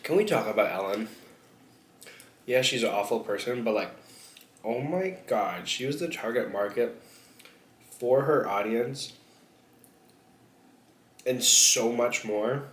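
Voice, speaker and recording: A man's voice: mid-range voice, expressive, slow pace, long pauses, a bit bright. A young man chatting casually while eating on camera, rambling and crude with lots of jokes. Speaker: mukbang vlogger. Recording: echoey room with faint background noise.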